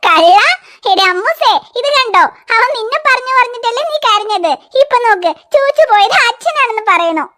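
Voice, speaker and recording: A woman's voice: extremely high pitch, expressive, normal speed, a bit bright. A woman voicing a patient, teasing young mother in a cartoon, soothing and coaxing. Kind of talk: cartoon voice acting.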